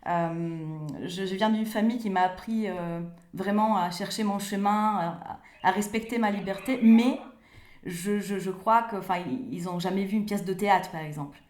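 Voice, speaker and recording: A woman with a mid-range voice speaks French at a normal speed, her words echoing in a roomy space. Originally from Italy with Italian as her first language, she is a playwright appearing as a guest in a conversational interview, and she sounds hesitant, repeating words and laughing softly.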